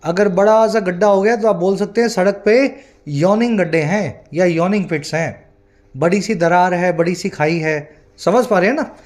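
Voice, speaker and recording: Male online English tutor, higher-pitched voice, patient and explanatory, slow deliberate reading of example sentences. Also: darkish tone. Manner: asks the viewer often whether they follow. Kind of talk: vocabulary lesson in Hindi mixed with English.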